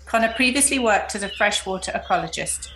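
A woman's voice: medium pitch, animated, brisk, fairly bright tone, a little hiss or hum, poor audio. A woman presenting and interviewing as a podcast host. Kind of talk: scripted introduction and conversational interviewing.

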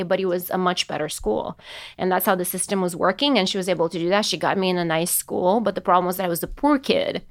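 A middle-aged woman speaks, a guest on a casual podcast. She is candid and emphatic, telling her story plainly and cursing when she means it. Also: medium pitch. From Romania. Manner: candid, emphatic, swears freely.

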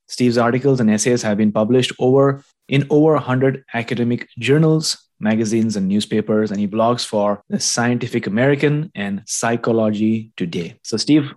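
Host: man, medium pitch, upbeat and promotional, then conversational. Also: a little mellow. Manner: enthusiastic, promotional intro then conversational questions. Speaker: podcast host. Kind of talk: podcast interview.

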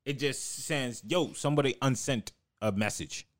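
A man's voice: mid-range voice, moderate pace, fairly bright tone, dry recording, clean studio sound. A young man telling stories in casual podcast chat, slangy and laughing often.

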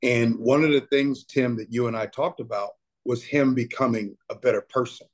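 A man guesting on a sports talk show, speaking in an animated, motivational way and calling the host man and brother. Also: mid-range voice, moderate pace. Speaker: guest, player's father. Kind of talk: casual sports interview.

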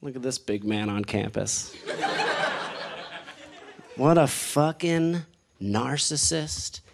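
A man's voice: medium pitch, expressive, takes it slowly, gravelly, heavy background noise. A man doing a brash, mock-boastful live stand-up set on a comedy club stage. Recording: live stage recording with loud crowd, distant mic.

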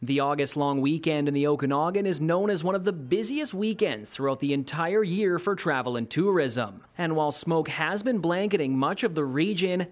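A male reporter narrates a scripted news piece. His voice is fairly high for a man.

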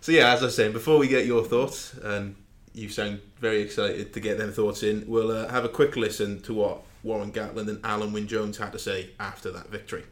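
A man hosting a rugby podcast in a relaxed, jokey way, teasing his co-hosts. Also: lowish voice, brisk, hardly any pauses. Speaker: podcast host, rugby writer. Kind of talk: casual podcast chat.

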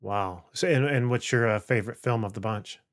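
A man hosting a podcast interview, encouraging his guest with quick affirmations. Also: on the low side, no room sound, clean studio sound. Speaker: podcast host. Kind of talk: casual interview chat.

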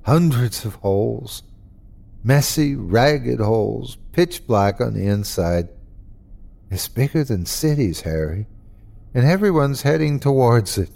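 In a dramatic horror story reading, a man voices a dying character who is frightened and awed but turns bitter and hateful, speaking in short, halting bursts. His medium-pitched voice is warm and expressive, with vocal fry, strained and at times whiny or growling. The mood is one of dread and awe.

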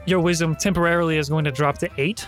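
High-voiced man running a tabletop game. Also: steady tone, fast talker, soft background music. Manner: bantering, mock-exasperated. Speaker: game master.

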